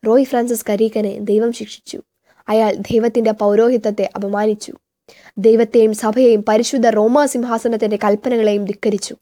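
A woman reading a novel aloud in a steady, measured narration. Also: fairly high pitch.

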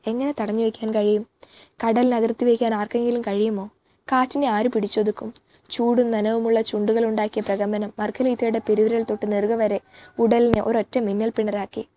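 A woman reading a literary novel aloud in a measured, expressive way. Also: a little high. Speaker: audiobook reader.

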